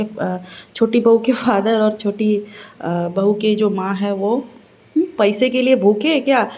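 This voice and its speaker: A woman's voice: on the high side, mellow. A woman reaction vlogger talking to her viewers in casual commentary, chatty and scolding by turns.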